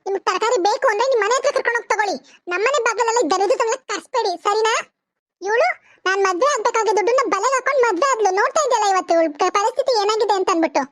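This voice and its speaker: A woman's voice: very high voice, rapid-fire, fairly bright tone, no echo, studio quality. A woman voicing a proud, boastful young woman in a cartoon. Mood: scornful. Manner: boastful, scornful. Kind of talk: cartoon voice acting.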